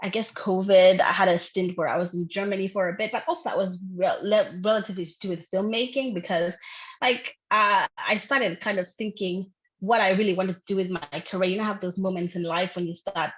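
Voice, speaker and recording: A young woman from Uganda talks over a video call, loose and chatty, with plenty of fillers. Her pitch sits in the middle of the range. The call audio is dull and lo-fi. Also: fairly even intonation, a little fast. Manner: chatty, many fillers, laughs often. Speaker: filmmaker guest.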